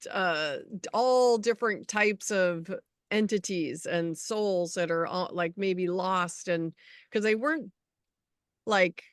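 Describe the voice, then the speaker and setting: A middle-aged woman co-hosts a spiritual talk show, telling rambling, anecdotal stories in a casual conversational chat. Her voice is lowish, slow and smooth, recorded cleanly in a studio with no echo.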